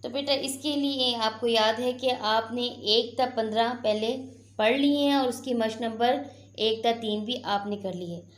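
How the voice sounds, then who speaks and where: A woman's voice: a little high, a little slow, echoey room. A woman teaching a class, patiently explaining and asking her students questions. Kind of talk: classroom lesson.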